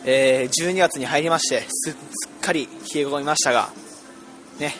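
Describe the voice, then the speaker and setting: A man's voice: fairly high pitch, normal speed, a bit bright, soft background music. A young man from Fukui, Japan, hosting a casual radio chat while walking through a department store, self-deprecating and laughing often. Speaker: radio show host. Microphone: earphone mic held between two people.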